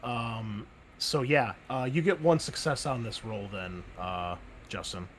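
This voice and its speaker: Slightly slow and mid-range in voice, a man serves as game master for a tabletop game played over a call. He rambles loosely with lots of "like" and "um," and slight background noise can be heard.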